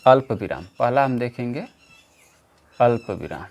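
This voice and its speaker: A man teaches an exam-prep grammar lesson in a voice of ordinary pitch. He talks slowly and patiently, repeating each key term several times and explaining step by step. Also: lively intonation, creaky, a little mellow, slight background noise. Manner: slow, repetitive, explaining step by step.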